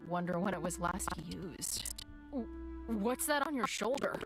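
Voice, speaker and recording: A woman's voice: mid-range voice, animated, unhurried, voice pushed up. A woman voicing an easygoing, curious young companion in a video game. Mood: casual, curious. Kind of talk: video game character read aloud. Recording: prominent game music behind.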